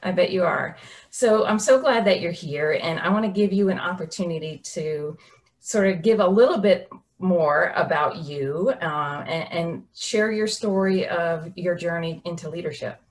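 A woman in her forties with a fairly low voice hosts an interview over a video call from her home office, speaking at normal speed. She reads a scripted introduction and prepared remarks in a polished, upbeat way.

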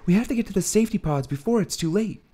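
A man's voice: high voice, animated, fast, dark tone, pitched above the performer's own voice. A man voicing an earnest, determined young woman in an audiobook, pleading and insistent.

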